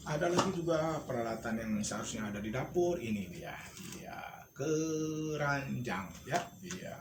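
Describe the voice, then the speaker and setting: Recorded in an echoey indoor home studio with clear background noise, a man gives an informal tutorial on storytelling. His mid-range voice has lively intonation and an unhurried pace. He teaches while thinking aloud and showing objects.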